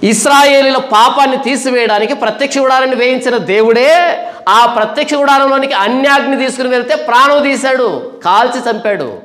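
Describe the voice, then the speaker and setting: A man's voice: very high-pitched, a little fast, a bit bright. A man preaching a sermon, emphatic and fiery, firing off rhetorical questions. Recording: echoey room.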